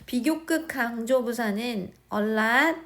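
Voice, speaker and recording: A woman's voice: a little high, a bit bright. A woman teaching English grammar in a recorded lesson, speaking with a Korean accent, explaining step by step and often checking that students follow. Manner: slow, explaining, repeating words and checking understanding.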